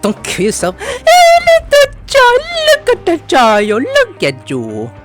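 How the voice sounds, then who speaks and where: Over loud music, a woman with a high voice hosts a gameplay video, taking her time as her pitch swings widely. She rambles playfully and casually, talking back to the characters on screen.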